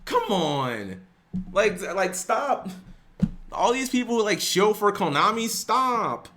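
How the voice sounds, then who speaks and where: A man's voice: high voice, very animated, slow, noisy background. A young man streaming, ranting casually to his live chat with lots of restarts and some swearing.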